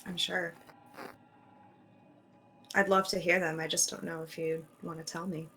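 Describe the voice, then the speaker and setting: A woman's voice: fairly low pitch, level tone, unhurried, pushed and bright, slight background noise. A woman voicing a wary young heroine who questions her captor in a guarded way during a tabletop role-play.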